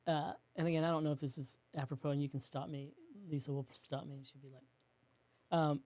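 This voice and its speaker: A man, a business co-owner, telling a rambling story in an interview and acting out quotes in a hushed voice. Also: fairly high pitch, little pitch movement, brisk, no echo. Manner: rambling, with many restarts and fillers.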